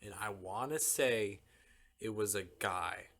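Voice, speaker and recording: A man's voice: lowish voice, slow pace, gravelly, fairly bright tone. A young man co-hosting a casual podcast, telling rambling stories with plenty of filler. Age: young adult. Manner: rambling storyteller, drops into quoted voices. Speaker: podcast co-host. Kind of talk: casual chat.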